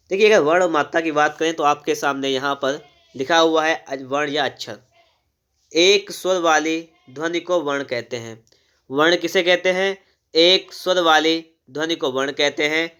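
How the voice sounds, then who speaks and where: A man's voice: fairly high pitch, a bit bright, clear, resonant tone. A man teaching a grammar lesson, reading from a book and explaining step by step, often asking a question and answering it himself.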